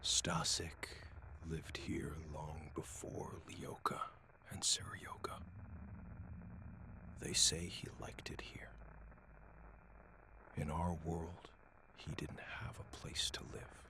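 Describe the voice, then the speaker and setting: A man telling a scary bedtime story in whispered narration, slow and hushed. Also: extremely low pitch, huge pitch swings.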